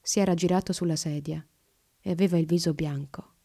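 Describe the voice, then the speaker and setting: Woman narrator, low voice, gravelly fry, measured scripted audiobook reading. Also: steady tone, mellow.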